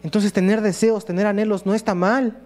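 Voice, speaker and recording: A high-pitched man preaches a sermon in earnest tones. He slips into short acted voices for prayers and quotes. A faint electrical hum sits under his voice. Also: steady tone, brisk, a little mellow.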